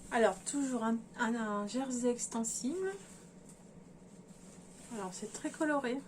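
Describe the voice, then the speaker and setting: A woman with a slightly high voice and measured pace chats to viewers about fabrics on her sewing vlog, hesitating and thinking out loud with many fillers. Slight background noise is present.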